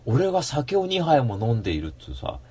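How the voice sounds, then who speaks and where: A man hosting a radio show in a casual rambling monologue, slangy and animated, breaking into mock-angry rants. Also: medium pitch, a little fast, husky.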